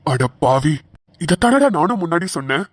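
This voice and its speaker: A woman's voice: low voice, very animated, no echo, voice pushed down. A woman doing a chatty, jolly old village man. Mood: teasing. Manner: teasing, chatty, quick to laugh. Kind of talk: cartoon voice acting.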